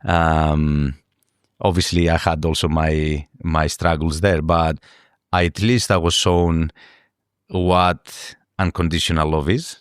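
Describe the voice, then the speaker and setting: Deep-voiced man, earnest. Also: fairly even intonation, smooth, no echo, studio quality. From Greece. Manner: earnest, halting, repeats words while searching for them. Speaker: guest. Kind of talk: podcast interview.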